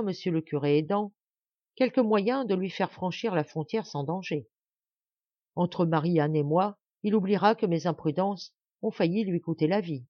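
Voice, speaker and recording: A woman's voice: fairly low pitch, dry recording, dull audio. A woman voicing a young man crying out in grief. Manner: anguished outbursts, loud and raised. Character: young man, desperate grieving lover. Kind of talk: audiobook dialogue reading.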